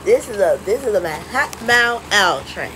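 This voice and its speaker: A woman's voice: medium pitch, background noise. Woman announcing subway stops. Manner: flat, measured announcer delivery. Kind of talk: recorded station announcements.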